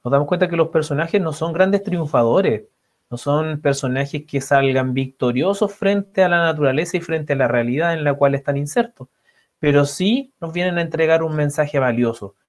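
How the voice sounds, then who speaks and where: Hesitant man discussing books. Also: on the high side. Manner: hesitant, many fillers and restarts. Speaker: co-host. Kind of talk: literary discussion.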